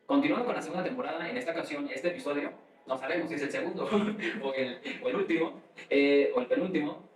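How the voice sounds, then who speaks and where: A man's voice: a little high, fast talker, reverberant, far from the mic, poor audio. A young man hosting a casual student podcast conversation, rambling with many fillers. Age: young adult. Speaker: host.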